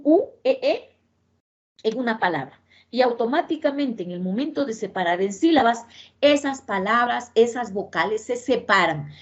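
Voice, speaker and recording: A woman teacher giving a grammar lesson to a class, explaining slowly and repeating points, often checking that students follow. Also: on the high side. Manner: slow, repetitive explaining with checking questions. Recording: dull lo-fi sound.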